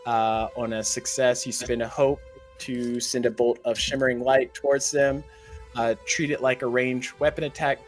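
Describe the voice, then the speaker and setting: A man reads a spell's rules aloud in a matter-of-fact way and fills the gaps with a few uhs. His voice is mid-pitched, with faint music behind. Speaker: player.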